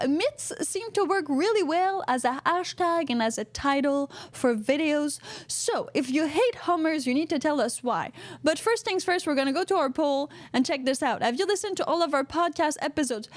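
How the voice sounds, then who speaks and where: A woman from Quebec with a Quebecois accent co-hosts a casual live podcast, rambling and joking while she reads chat comments aloud. Her voice sits high, with no echo.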